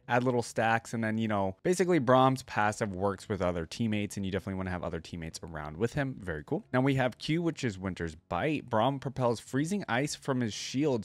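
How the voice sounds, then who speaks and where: A man hosts a reaction video, reading things aloud and reacting as he goes with informal, easily impressed commentary. His voice is lowish and the recording has no room sound.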